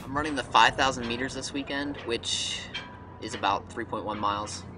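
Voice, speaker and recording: A man's voice: medium pitch, moderate pace, distant mic. Man in his twenties, mic set back. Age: 20s. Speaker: college runner. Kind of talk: documentary interview. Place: campus location. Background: music.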